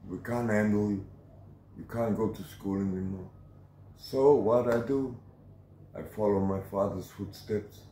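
A man's voice: fairly low pitch, steady tone, a little slow, dark tone, roomy sound, a little hiss or hum, rough recording. A South African man in his forties, telling his life story as an interviewee in a tough, emphatic way with strong conviction, filmed at close range on a phone camera. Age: 40s. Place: outdoor shelter against a corrugated metal wall.

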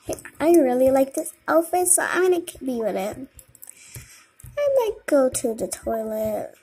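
In a high-sitting, husky voice with a dark tone, a young gamer murmurs casual commentary to herself, unhurried, with lively intonation. She thinks aloud in a childlike way while sitting indoors at a computer whose screen is filmed by a camera.

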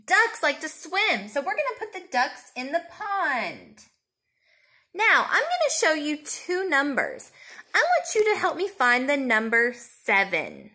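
A woman with a bright, high voice speaks as a preschool teacher would to a toddler. Her delivery is slow and sing-song, with simple questions and pauses left for the child to answer. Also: huge pitch swings. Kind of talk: children's counting lesson, as if to a toddler.

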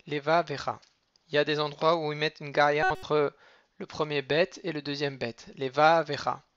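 A man giving a cantillation lesson, chanting verses slowly and then explaining each word with careful repetitions. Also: a little high, level tone, fairly bright tone, clear, resonant tone, highs cut off. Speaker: teacher of Torah reading.

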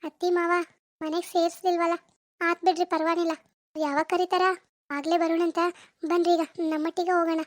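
A woman voicing a gentle young village wife in a cartoon, with a North Karnataka accent and a soothing, reassuring manner. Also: extremely high pitch, level tone, fairly quick, no room sound. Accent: North Karnataka Kannada.

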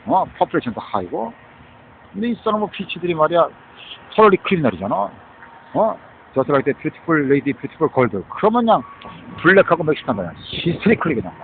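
Fast and full of big pitch swings, a man's high-leaning voice with vocal fry carries a rambling monologue. He keeps mixing in English and asking "huh?" and "right?", over slight background noise on a tinny, phone-like recording.

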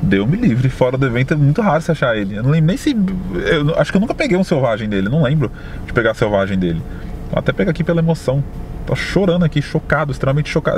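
A man with a Brazilian accent giving casual, excitable commentary on a mobile game, often exaggerating his emotions. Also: mid-range voice, a little hiss or hum. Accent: Brazilian Portuguese. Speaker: Pokémon GO vlogger. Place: outdoors at night, then indoors.

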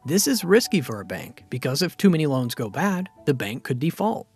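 A man reads a scripted finance explainer in a steady, explanatory way, a little fast and slightly rough. His voice is a little high, moving through a lively pitch range, with soft music playing quietly underneath.

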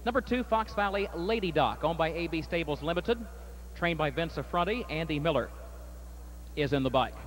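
A man announcing a harness race at an outdoor track, calling the field in a brisk, formal way. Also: on the high side. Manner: rapid rising race call, steady formal post parade. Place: outdoor racetrack. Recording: faint outdoor noise.

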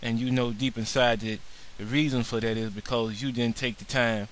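A man's voice: mid-range voice, fairly even intonation, moderate pace, slight background noise, low-quality recording. A man narrating a slideshow lesson on barbershop sanitation in an earnest way, with many filler words. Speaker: barber instructor.

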